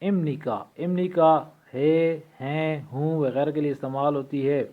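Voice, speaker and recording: Guy teaching from a textbook, says every word twice slow, sounds like over a phone. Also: a little high, fairly even intonation. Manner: slow, repeats each word for practice. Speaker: language teacher. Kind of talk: explaining a textbook lesson. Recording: tinny phone-like recording.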